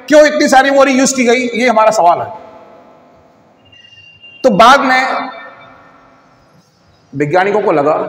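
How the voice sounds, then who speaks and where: Echoey high-voiced male computer teacher. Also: a bit bright. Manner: rhetorical questions, repeats points. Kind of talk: classroom-style lecture.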